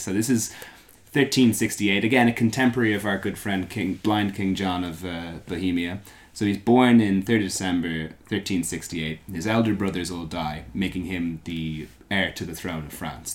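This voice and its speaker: A man casually telling a history story to co-hosts, rambling along with many fillers and playful asides. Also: low-pitched. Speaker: podcast co-host telling the story.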